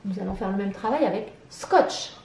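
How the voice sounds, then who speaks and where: A woman with a French accent, teaching syllables to a young child, clapping out each syllable slowly and asking questions. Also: mid-range voice, lively intonation, gravelly, echoey room, noisy background. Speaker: preschool teacher. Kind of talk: slow, sing-song phonics lesson for young children.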